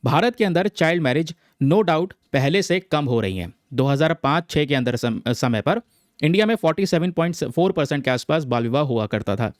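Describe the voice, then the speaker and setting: High-leaning and recorded in clean studio sound without room noise, this male voice explains a newspaper article to exam students in a chatty manner. He frequently checks in with viewers, calls them friends, and keeps repeating "theek hai." His Hindi is mixed with English terms.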